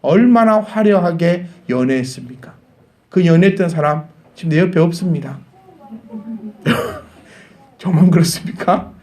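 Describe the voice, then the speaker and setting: A man's voice: high-pitched, unhurried, pauses often. A man, a pastor with a Gyeongsang accent, preaching a Sunday sermon to his congregation, building to emphatic peaks and joking along the way. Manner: animated, rising to emphatic peaks, laughs with the congregation. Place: church sanctuary.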